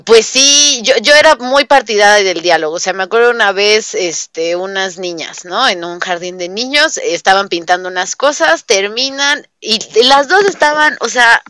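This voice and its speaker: Bright-voiced Mexican woman telling stories. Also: medium pitch, moderate pace, hardly any pauses, no echo. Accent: Mexican Spanish. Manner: animated storyteller, acts out quoted dialogue. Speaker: guest, early childhood teacher. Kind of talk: casual interview conversation.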